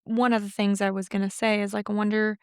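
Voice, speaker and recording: A woman guest in a casual podcast chat, reacting with quick short responses. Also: medium pitch, flat delivery, a little mellow, smooth, no echo, studio quality.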